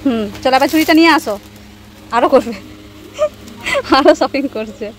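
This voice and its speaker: Young mom vlogger, high pitched and bright, playful and teasing, faint noise behind. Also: female voice, moderate pace, rough recording. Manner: playful, teasing, talks to children and viewers. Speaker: mother filming her children. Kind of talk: casual family vlog narration.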